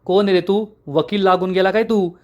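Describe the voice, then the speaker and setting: A man's voice: high-pitched, fairly even intonation, moderate pace, muffled recording, close to an everyday voice. A man voicing an angry, bullying male police inspector who talks rudely and threatens. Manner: rude, threatening.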